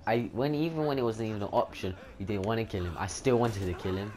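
A man giving casual, rambling gameplay commentary with excitable bursts and some swearing. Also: lowish voice, quick pace. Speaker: gaming YouTuber.

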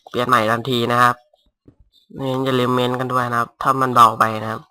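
A young man casually commentating his Minecraft game at home on a headset mic, talking softly and rambling. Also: medium pitch, flat delivery, fast. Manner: rambling, talks softly to avoid disturbing neighbors. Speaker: gaming YouTuber. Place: home room. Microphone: cheap gaming headset mic.

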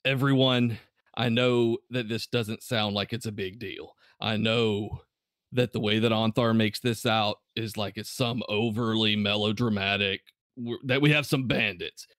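A man's voice: fairly low pitch, steady tone, measured pace, a bit bright, dry recording, clean studio sound. A man voicing a grave male leader of veteran riders who gives a serious, urgent warning.

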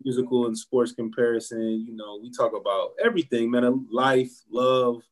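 A man's voice: medium pitch, moderate pace. Laid-back barber man, casual talk. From Ohio. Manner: relaxed, says "man" often, motivational. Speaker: barbershop owner, guest.

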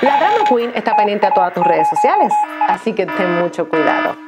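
Animated woman comedian. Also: mid-range voice, a little fast, very noisy. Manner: playful, animated, teasing. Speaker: vlogger host. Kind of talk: comic monologue, countdown list. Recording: music bed under voice.

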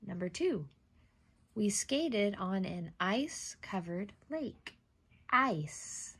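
Female teacher for scripted spelling dictation, careful enunciation, husky and creaky voice. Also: mid-range voice, animated. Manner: deliberate enunciation, isolating each word and repeating it. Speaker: teacher giving a spelling test.

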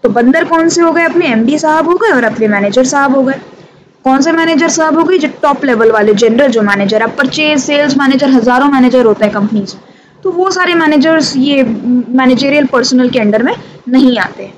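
Speaking at normal speed with a high pitch and lively intonation, an Indian-accented woman teaches an informal revision session for a company law exam. She blends Hindi and English, talks to her students directly in a conversational way, and background noise is clearly audible.

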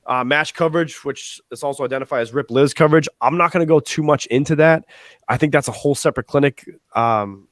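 A young man hosts a football coaching clinic live over video from a small room at home, using an earphone mic. His medium-pitched voice comes across relaxed and rapid, with many fillers and restarts in a casual stream presentation. There's no echo.

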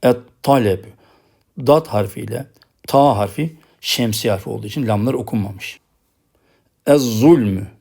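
Male teacher with a Turkish accent. Recorded lesson, slow drilled pronunciation, quick explanations. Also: fairly low pitch, gravelly, darkish tone, husky. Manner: pronounces each example word slowly twice, then explains quickly. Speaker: Arabic writing teacher.

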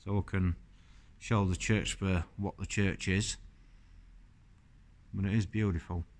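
A man's voice: low-pitched, fairly even intonation, a little slow. A man, chatting casually as he films a walking tour through an old stone church on a handheld phone. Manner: chatty, rambling, admiring. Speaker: vlogger.

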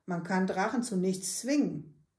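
A woman reading the lines of a young boy adventurer in a children's book, in an earnest, gently pleading way. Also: mid-range voice, lively intonation, unhurried, reverberant, lightly acted.

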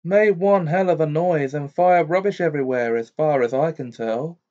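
A man voicing a fast-talking bearded middle-aged wizard who speaks in a hurried, urgent way. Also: fairly high pitch, a little mellow, lo-fi sound, pitched above the performer's own voice, close to an everyday voice.

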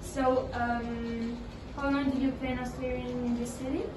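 High-voiced teen girl interviewer. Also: level tone, a little slow. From France. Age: teens. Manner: chatty, many fillers, laughing. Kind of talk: school role-play street interview. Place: school hallway by glass doors. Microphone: handheld mic, filmed from a few meters. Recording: echoey hall, distant, noisy.

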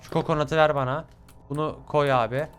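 A man's voice: a little high, fairly even intonation, fairly quick, slight background noise. A young man commentating a horror game, swearing often and shrieking at scares. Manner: swears a lot, yells and shrieks at jumpscares. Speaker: gaming YouTuber. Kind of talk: let's play commentary.

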